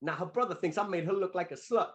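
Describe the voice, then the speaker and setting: A man's voice: sits high, fast talker, a bit bright, voice pushed up. Man putting on a swaggering young tough guy. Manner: swaggering, threatening, slangy. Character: brash young American man on a phone call.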